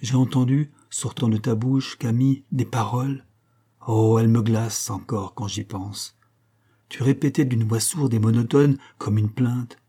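A man's steady, mellow, husky mid-range voice, unhurried in pace, takes on the role of a prim spinster schoolteacher aunt in a story read aloud. The mood is impassioned as she earnestly confides an old secret.

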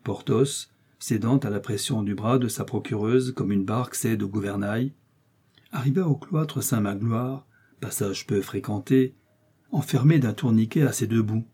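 A man reads a classic novel aloud in a measured, even storytelling voice. His tone is mellow and warm with a husky grain. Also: on the low side. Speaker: audiobook reader. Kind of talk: scripted narration of a classic novel.

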